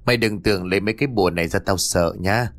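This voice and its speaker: A man's voice: low-pitched, quick pace, dry recording, natural voice. A man voicing a vengeful old male spirit who has possessed a boy, speaking in a snarling, threatening way. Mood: menacing.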